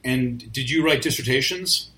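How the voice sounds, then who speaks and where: A man's voice: mid-range voice, normal speed, bright, forceful tone. A man interviewing a guest, pressing persistently with probing questions.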